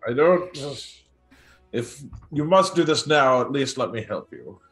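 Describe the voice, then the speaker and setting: Slow, hesitant man with lively pitch. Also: soft background music. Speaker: tabletop game player. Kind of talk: casual improvised role-play chat.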